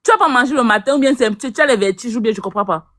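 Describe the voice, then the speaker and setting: A woman's voice: on the high side, racing, fairly bright tone, no echo, studio quality. A woman from Cameroon, scolding and mocking another panelist on a live stream, often stumbling over repeated words. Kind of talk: heated live stream rebuttal.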